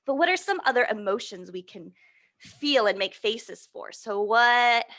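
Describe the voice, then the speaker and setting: A woman with a fairly high voice presents an interactive picture-book reading for young kids, speaking a little slowly. Encouraging and full of energy, she keeps asking questions and answering them aloud.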